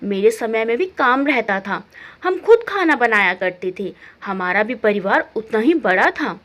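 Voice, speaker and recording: A stern, aging mother-in-law from a family storybook, as a woman narrator puts her on, speaking in a slow, measured, lecturing way about duty. The voice is lower than the narrator's own but still swoops up and down. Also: expressive, fairly bright tone.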